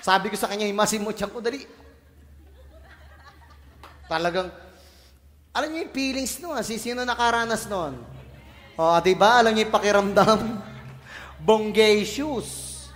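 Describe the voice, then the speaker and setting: A male pastor from the Philippines, preaching a lively sermon full of jokes and playful voices. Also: sits high, normal speed, long pauses. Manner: animated, joking, playful voices and shouts, mixes English in. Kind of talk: lively sermon with comic asides. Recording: church hall reverb.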